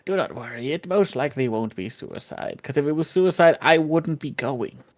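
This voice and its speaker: A man voicing a cold, calculating lizard-folk leader with formal, measured phrasing in a tabletop role-play. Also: a little high, expressive, pitched above the performer's own voice, close to an everyday voice. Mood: dry reassurance.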